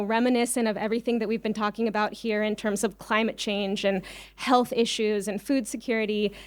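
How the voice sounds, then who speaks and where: Raised on a kibbutz in Israel as a young child, this woman leads a farmer cooperative and was invited to speak at a conference. She presents informally, chatting with lots of ums and personal asides. Her fairly high voice has a clean tone, and the recording is dry.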